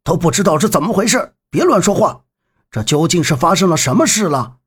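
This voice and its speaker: Husky old uncle, blunt and scolding, a man doing the voice, audiobook character, slightly high. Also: expressive, brisk. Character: gruff elderly village uncle, bossy.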